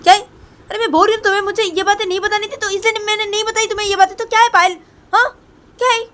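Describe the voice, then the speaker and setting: A woman voicing an exasperated woman who loudly scolds her partner in a storybook tale. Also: a little high, big pitch swings, fairly quick, slightly rough, pitched above the performer's own voice, heavily acted. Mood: scolding. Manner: loud, scolding, insistent.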